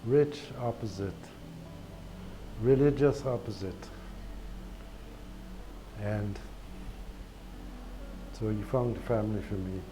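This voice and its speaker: Slow, low-voiced Guyanese man. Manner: slow, halting, with repeated words and pauses. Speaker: speaker sharing a spiritual testimony. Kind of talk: personal testimony monologue. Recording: recorded with clear background noise.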